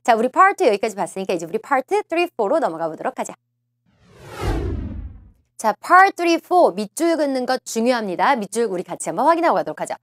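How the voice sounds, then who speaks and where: A woman's voice: on the high side, sing-song, a little fast, dry recording. A woman teaching a listening-test prep lecture, coaxing her students, repeating key phrases and asking them questions. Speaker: TOEIC listening instructor.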